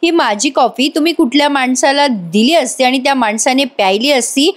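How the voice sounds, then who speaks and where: A woman reading as a smooth-talking young man with a playful, teasing edge. The voice stays high and light, close to her own. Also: brisk, close to an everyday voice.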